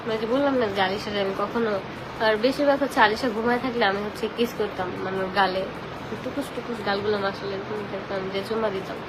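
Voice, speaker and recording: Young woman on a live, crying n sniffly while she talks super fast, noisy background. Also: mid-range voice, steady tone. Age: young adult. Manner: emotional, tearful, snotty crying while talking. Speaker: social media live streamer reading and answering viewers' comments. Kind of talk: casual personal live chat.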